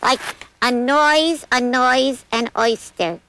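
A woman performing a ventriloquist's puppet, a playful childlike character with teasing, drawn-out speech, in a children's TV act. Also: high voice, sharp tone, clean tone, no echo, heavily acted. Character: playful childlike puppet, cheeky and slow-talking.

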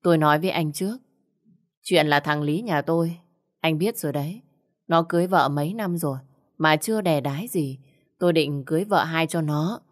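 A woman doing a gruff bossy old village woman. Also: natural voice. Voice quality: gruff booming voice. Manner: scolding, pushy. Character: fat fierce older village woman, loud and bossy.

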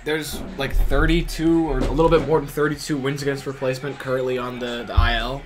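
A man's voice: mid-range voice, flat delivery, a little fast, music in the background. A man co-hosting a casual podcast, teasing the others and laughing often. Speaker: podcast co-host. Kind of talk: casual chat.

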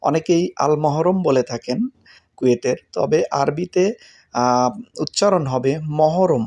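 Man slowly repeating words for learners. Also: fairly high pitch, a little mellow, dull audio. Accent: Bangladeshi Bengali. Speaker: language teacher. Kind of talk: casual spoken lesson.

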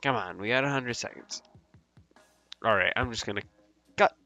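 A man's voice: medium pitch, normal speed, creaky, sharp tone, soft background music. Rambling man narrating a game. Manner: rambling, hesitant, many fillers. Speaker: gaming channel host. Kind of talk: casual gameplay commentary.

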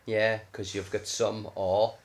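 A man's voice: on the low side, little pitch movement, takes it slowly. A man chatting casually and playfully while co-hosting a mobile game video with his child. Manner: chatty and playful, cheering loudly. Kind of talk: casual chat.

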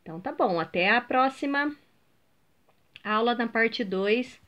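A woman's voice: fairly high pitch, expressive, unhurried, a bit bright, muffled recording. A Brazilian Portuguese-speaking woman teacher giving a video lesson to schoolchildren, patiently sounding out words and checking that her pupils follow along. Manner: explains step by step, checks in with "ok?" and "entenderam?".

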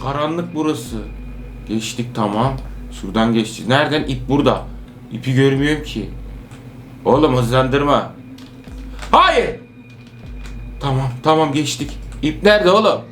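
A man giving excited let's-play commentary on a horror game, joking as a worried father and repeating words in bursts. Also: mid-range voice, moderate pace, roomy sound, soft background music. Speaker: gamer playing a horror obstacle game.

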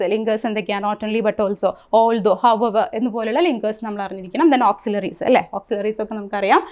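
A woman teacher with a Malayali accent explaining an exam syllabus, often asking rhetorical questions as she goes. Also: fairly high pitch.

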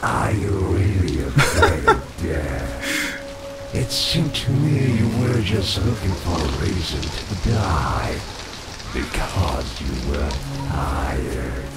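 A man voicing a possessed, demonic evil spirit in a horror game, taunting with slow, halting menace. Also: low voice, animated, heavily acted. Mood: menacing. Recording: echoing voice under loud music.

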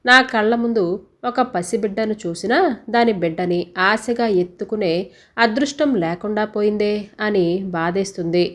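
A woman's voice: mid-range voice, normal speed, lightly acted. A woman voicing a grieving middle-aged mother who is stern on the outside but tender, speaking with sorrowful emotion. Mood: tearful. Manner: sorrowful, pleading emotional speech.

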